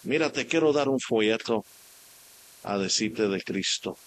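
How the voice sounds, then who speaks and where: With a lowish, animated voice, a male preacher gives a sermon in a mix of Spanish and English, halting at times while he looks for the right word.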